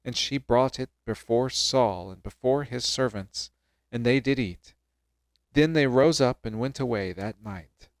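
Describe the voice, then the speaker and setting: A man's voice: medium pitch, a little slow, no room sound. A man co-hosting a podcast, reading scripture aloud and chatting playfully. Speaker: podcast co-host. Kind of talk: casual chat and scripture reading.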